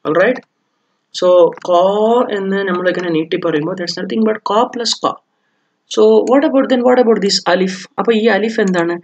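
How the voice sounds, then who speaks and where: A man's voice: sits high, slow, husky. A man teaching Arabic grammar, explaining step by step with many fillers and self-corrections. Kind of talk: lesson mixing two languages.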